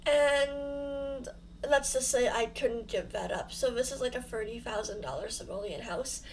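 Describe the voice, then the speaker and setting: Her voice is a little high and unhurried, with a bit of hiss or hum in the background. The young YouTuber talks casually over a home build, rambling, giggly and self-deprecating, while her mouth aches from fresh dental fillings.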